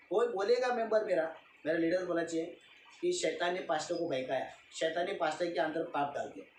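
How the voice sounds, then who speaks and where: A man preaching a sermon as a pastor, repeating his points emphatically and asking the congregation questions. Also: sits high. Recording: echoey room, voice from a distance, faint hiss.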